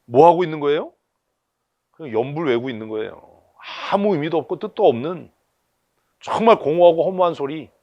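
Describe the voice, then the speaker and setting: A man's voice: on the high side, expressive, a little fast, pauses often, darkish tone, dry recording. A man preaching a sermon in blunt, colloquial speech full of rhetorical questions. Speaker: pastor. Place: church service.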